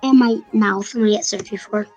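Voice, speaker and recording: A child with a congested, stuffy-nosed voice, chatting casually and retelling stories in a halting, repetitive way with restarts. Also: mid-range voice, steady tone, darkish tone, faint music behind. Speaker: co-host recapping episodes.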